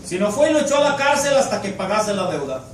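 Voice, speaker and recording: A man's voice: sits high, very animated, quick pace. A man preaching a sermon in Spanish with an emphatic, repetitive cadence. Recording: echoey and distant with faint noise.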